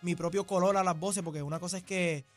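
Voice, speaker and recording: A man's voice: high-pitched, steady tone, fast talker, soft background music. A young man, a salsa singer guesting on a radio show, joking and playful in casual chat.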